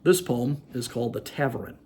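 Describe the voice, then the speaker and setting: A man casually talking about poems in a reflective, musing way with fillers, then reading verse aloud slowly and deliberately. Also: mid-range voice, darkish tone, slight background noise. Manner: slow, measured reciting of verse. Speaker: poetry reader and commentator. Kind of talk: casual commentary with poetry readings.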